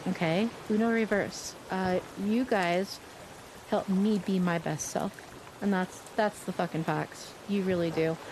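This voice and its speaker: A woman's voice: on the low side, measured pace. Effusive woman streamer over noisy ambience. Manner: effusive, freely swearing. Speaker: video game live streamer. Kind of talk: casual live gaming chat with viewers. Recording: steady noisy ambience behind voice.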